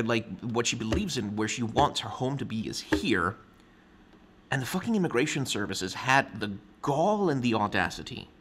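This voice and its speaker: A man's voice: mid-range voice, bright, forceful tone, husky. A man giving a casual, heated vlog rant, swearing freely and stumbling over repeated words as he goes. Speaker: vlogger. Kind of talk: casual, impassioned rant to camera.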